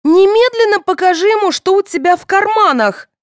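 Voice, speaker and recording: A woman's voice: lively intonation, brisk, no room sound, studio quality. A woman voicing a shrieking, spoiled teenage girl. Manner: shrill, whining, very high. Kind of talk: audiobook character voice.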